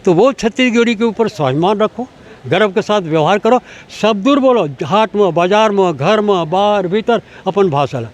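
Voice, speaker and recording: A language activist, an older man with a Chhattisgarhi accent, answers an interview in an emphatic, lecturing manner, posing rhetorical questions as he makes his case. His voice sits high and sounds animated, at a moderate pace.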